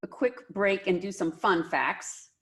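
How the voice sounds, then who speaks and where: A woman hosting a casual faith-based interview, asking questions gently and encouragingly. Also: mid-range voice, measured pace. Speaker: podcast host.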